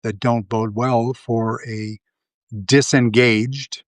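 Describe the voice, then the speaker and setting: A man's voice: medium pitch, flat delivery, slow, dry recording, studio quality. A man hosting a live video, talking through casual commentary, rambling with lots of fillers and restarts. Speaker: livestream host.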